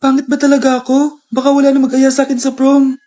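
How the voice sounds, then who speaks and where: A woman playing characters in comic skits, exasperated and quick to snap back. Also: high-pitched, completely flat delivery, warm tone. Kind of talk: comedic skit role-play.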